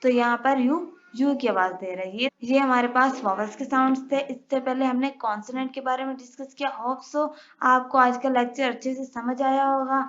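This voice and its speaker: A young woman teaching a recorded lesson, slowly spelling out letters and their sounds. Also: high voice, steady tone, fairly bright tone. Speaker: English teacher. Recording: dull lo-fi recording.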